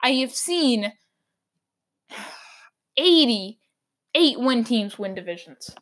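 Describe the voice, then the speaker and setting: Hoarse woman ranting on a sports podcast. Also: a little high, expressive, takes it slowly, fairly bright tone. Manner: opinionated ranting, frustrated. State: hoarse, losing her voice. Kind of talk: solo sports talk podcast.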